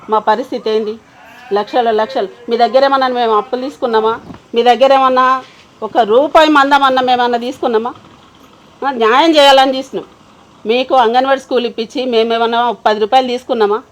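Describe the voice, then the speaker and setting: An actress playing a despairing, indebted village sarpanch, speaking in pleading, bitter complaints. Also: female voice, a little high, close to an everyday voice. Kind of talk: village comedy drama acting.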